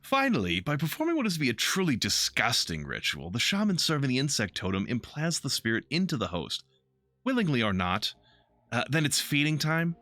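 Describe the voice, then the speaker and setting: A flamboyant painted male elf, voiced by a man reading a game aloud, playful and mocking as he lectures, his pitch leaping around with lively bounce. The voice comes through bright and dry. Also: fairly quick, no room sound.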